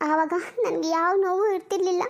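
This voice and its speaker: A heartbroken young wife. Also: female voice, very high voice, fairly even intonation, quick pace, vocal fry. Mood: hurt, self-blaming. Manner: tearful, self-reproaching pleading. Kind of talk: film melodrama acting.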